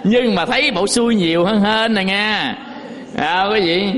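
High-voiced monk preaching in a reverberant hall. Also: male voice, moderate pace, fairly bright tone. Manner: folksy storytelling with rhetorical questions to the audience. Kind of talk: dharma talk sermon.

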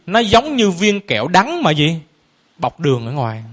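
A man's voice: fairly high pitch, huge pitch swings, moderate pace, fairly bright tone. A man giving a Buddhist dharma talk to a lay audience as their teacher, throwing out rhetorical questions and chuckling playfully.

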